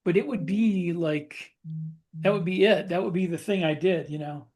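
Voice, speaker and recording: Chatting casually as a podcast co-host, this plain-spoken, middle-aged American frequently begins his sentences again. He has a high-sitting, darkish voice and keeps a moderate pace.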